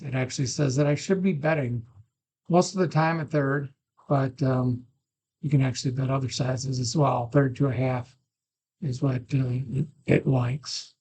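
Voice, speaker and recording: A man's voice: medium pitch, darkish tone. Casual man talking through a poker tutorial. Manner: informal, thinking aloud, occasional throat clearing. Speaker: poker strategy video presenter. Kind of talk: casual screen-share tutorial, talking off the cuff. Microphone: makeshift mic, not a dedicated one. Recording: muffled, without a proper microphone.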